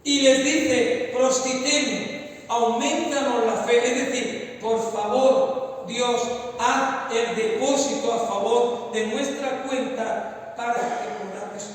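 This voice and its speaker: A man's voice: very high-pitched, fairly even intonation, slow. A male pastor preaching a sermon, stressing his points by repeating phrases. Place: church hall, echoey. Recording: echoey church hall from far off.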